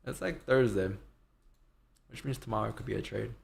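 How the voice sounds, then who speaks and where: A man's voice: fairly low pitch, normal speed, vocal fry. A man giving casual live commentary as a stream host, rambling informally and thinking aloud.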